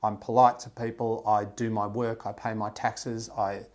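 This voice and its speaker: A man's voice: fairly low pitch, moderate pace. Man, podcast host, emphatic, swears, casual chat. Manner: blunt, emphatic, swears freely; restarts and fillers, animated delivery.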